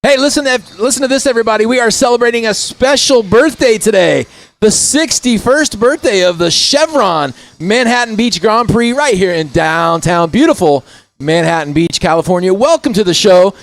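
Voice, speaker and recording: Chatty high-voiced race commentator man. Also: expressive, moderate pace. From Indiana. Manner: chatty, folksy, keeps saying "if you will". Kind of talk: live bike race commentary.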